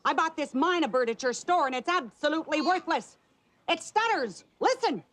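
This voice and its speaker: A sour, sarcastic clerk. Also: female voice, sits high, expressive, moderate pace, a bit bright. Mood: grumpy. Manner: curt, sarcastic putdowns. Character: bitter young woman store clerk who hates people. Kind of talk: TV sketch comedy acting.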